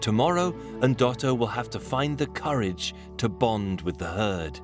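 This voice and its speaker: A man narrates a nature documentary from a script. His mid-pitched voice moves in a lively, varied range, with clear music playing behind it. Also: unhurried.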